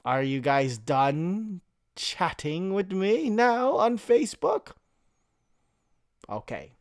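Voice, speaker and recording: A man's voice: sits high, big pitch swings, slow, no echo, clean studio sound. A man hosting a casual fanfiction reading, chatty and easily distracted, often stumbling over words. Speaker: host and fanfiction reader.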